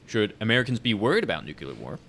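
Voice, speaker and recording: A man's voice: lowish voice, wildly swooping pitch, fast talker, gravelly, fairly bright tone, a little hiss or hum. A man co-hosting a casual chat, reading news headlines aloud and adding wry joking asides.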